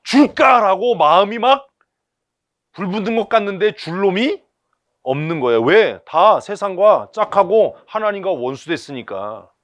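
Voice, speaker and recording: A man's voice: high-pitched, lively intonation, measured pace, a bit bright, no room sound. A man preaching a sermon in blunt, colloquial speech full of rhetorical questions. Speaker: pastor. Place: church service.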